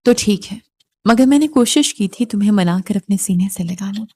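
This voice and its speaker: A woman's voice: medium pitch, expressive, warm tone, slightly rough. A woman reading a blunt, possessive young husband. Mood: brusque. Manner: blunt, curt demands.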